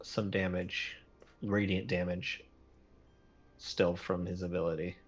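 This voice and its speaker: A man narrating a tabletop game as game master, relaxed and thinking aloud as he goes. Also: low voice, slow pace. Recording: muffled, lo-fi recording.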